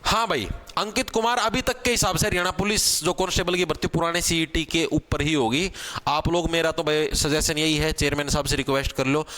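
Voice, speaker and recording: A man teaching an exam-prep grammar class, casual, asking questions and answering them himself, sounding out letters slowly. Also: a little high, steady tone, fairly bright tone. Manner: spells out sounds slowly, one at a time. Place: online class video.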